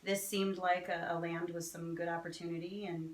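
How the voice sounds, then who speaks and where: Being interviewed about her writing, this upbeat, chatty author in her forties speaks with a New Jersey accent and laughs readily. Her lowish voice stays level at a moderate pace, in a roomy recording with a little background noise.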